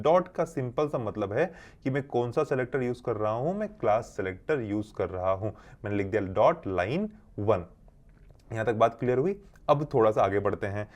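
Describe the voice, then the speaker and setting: A young man teaching a coding lesson, explaining step by step and often checking whether the point is clear. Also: on the low side, a little mellow. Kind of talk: screen-recorded coding lesson.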